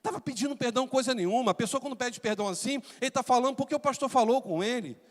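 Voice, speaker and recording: High-voiced Brazilian pastor preaching. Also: male voice. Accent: Brazilian Portuguese. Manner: emphatic preaching, dramatic pauses and rising shouts. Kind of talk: sermon. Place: large church sanctuary. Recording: long hall reverb in a church.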